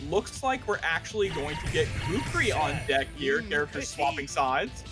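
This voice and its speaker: A man with a very high voice calls a fighting game match over music. He delivers jargon-heavy play-by-play, following the action move by move. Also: sing-song, normal speed. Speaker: tournament commentator. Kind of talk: play-by-play esports commentary.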